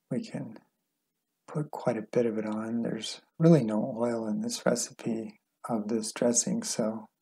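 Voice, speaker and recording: A middle-aged man calmly walking through a cooking demonstration in a home kitchen, relaxed and plain-spoken. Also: mid-range voice, breathy edge. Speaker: cooking instructor. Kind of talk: calm step-by-step cooking demonstration.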